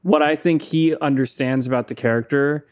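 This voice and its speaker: A man's voice: on the high side, moderate pace, smooth. A man joining a casual film-review podcast as a guest, speaking in a thoughtful, reflective way.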